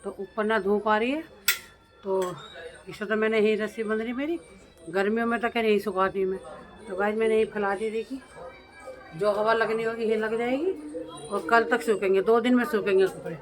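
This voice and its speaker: A woman's voice: mid-range voice, fairly even intonation, brisk, pauses often, over music. A middle-aged woman chatting casually to her viewers in a home vlog. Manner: chatty, talks straight to viewers. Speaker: vlogger. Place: home indoors.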